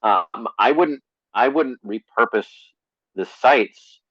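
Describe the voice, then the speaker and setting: A man speaking as an interview guest in a relaxed, conversational way, with a dry, deadpan humor. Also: medium pitch, takes it slowly, no echo, highs cut off. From Connecticut, USA.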